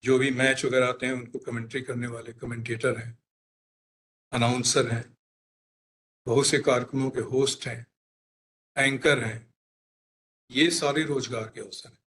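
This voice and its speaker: A man, a linguistics expert, explaining pronunciation in a deliberate teaching manner, spelling out and repeating his examples. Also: mid-range voice, fairly even intonation, a bit bright. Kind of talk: explanatory career talk.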